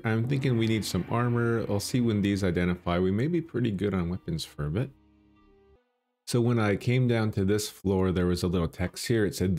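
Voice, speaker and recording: A gaming channel host talks casually over his own game run, thinking aloud as he plays, chatty and quick to poke fun at himself. His voice has a bassy, morning quality and is a little mellow.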